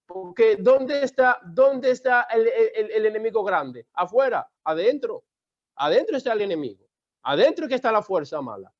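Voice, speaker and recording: Male pastor, emphatic sermon delivery, high voice, dry dull recording. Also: sing-song, normal speed, no room sound. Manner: emphatic preaching with repeated calls for the congregation to answer.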